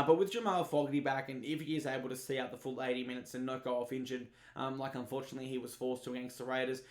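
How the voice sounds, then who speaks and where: A man's voice: medium pitch, fairly bright tone, roomy sound. A young Australian man giving casual, chatty rugby league tips and often calling his viewers "guys". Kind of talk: informal tipping preview.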